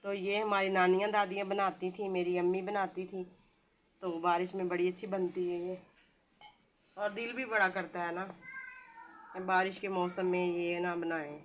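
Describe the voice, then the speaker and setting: A woman's voice: fairly low pitch, level tone, moderate pace, slight background noise. A middle-aged woman with a Pakistani Urdu accent, chatting through a home cooking tutorial with homely, rambling asides. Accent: Pakistani Urdu, village Saraiki-like dialect. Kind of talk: casual cooking tutorial chat.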